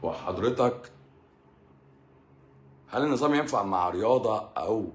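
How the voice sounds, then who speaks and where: A man's voice: on the low side, animated, measured pace, echoey room. A man with an Egyptian Arabic accent hosts a live stream as a doctor, answering viewer questions in a blunt, teasing, lecturing way.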